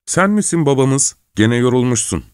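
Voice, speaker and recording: A man doing a gentle, doting mother. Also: medium pitch, big pitch swings, brisk, no room sound, studio quality, voice pushed up. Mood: warm. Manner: soft, coaxing. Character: gentle plump middle-aged mother, soothing.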